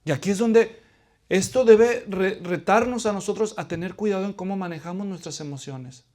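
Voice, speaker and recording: A man from Latin America preaching a sermon in a high voice. He puts questions to his congregation and answers them himself. His delivery swings between hushed pleading and loud emphasis. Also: moderate pace.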